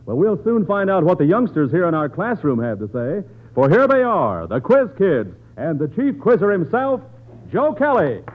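An American man announces in old-time 1940s radio style. His voice sits fairly high and swings in lively arcs. The sound is thin and narrow, like an old radio transcription. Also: normal speed, slight background noise. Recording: tinny band-limited old radio recording.

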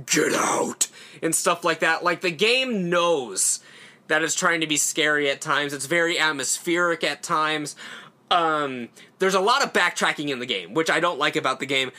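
Young man, casual solo commentary, rambling and chatty, slightly high voice, bright tone. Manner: rambling, conversational, uses fillers and swearing. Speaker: horror channel host.

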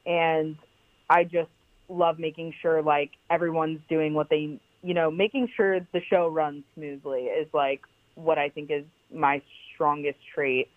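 The voice is low, steady and a little slow, belonging to a young woman with a powerful voice who founded a clothing brand. As a podcast guest she chats casually and emphatically, peppering her talk with "like." A tinny, phone-like line carries her dry, echo-free audio.

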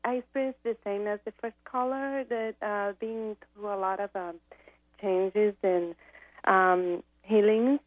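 A woman calling in to a radio show, heard over a phone line, speaking hesitantly with many pauses and fillers. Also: medium pitch, fairly even intonation, dry recording. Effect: caller heard over a phone line. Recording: tinny dry phone line.

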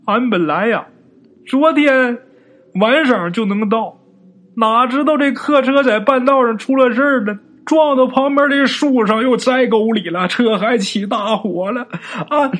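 A man's voice: extremely high pitch, little pitch movement, pitched above the performer's own voice. A man voicing a grieving younger son who wails and pleads through tears. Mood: wailing grief. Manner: wailing, drawn-out tearful pleading. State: crying.

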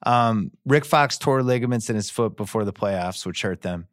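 A man's voice: fairly low pitch, normal speed, no room sound. Dry-sounding man riffing on old games. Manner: conversational, animated storytelling with wry asides. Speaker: podcast host. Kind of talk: casual sports chat.

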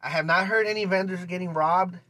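A man's voice: high-pitched, fairly even intonation, fairly quick, sharp tone, no echo. A man hosting a podcast, talking in a casual monologue that turns into fired-up rants full of "you know.". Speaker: podcast host.

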